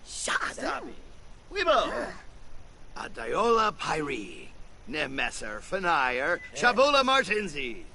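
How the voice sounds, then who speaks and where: A man's voice: a little high, huge pitch swings, gravelly, pushed and bright. A man on a live game stream, reading out strings of made-up silly names in a playful, giggly way. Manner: playful, giggly, drawn-out nonsense words.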